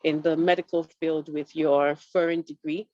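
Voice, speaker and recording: Low-voiced woman host on a call. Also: little pitch movement, mellow, dry recording. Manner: measured, summarizing questions. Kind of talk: online panel talk. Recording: dry dull online call audio.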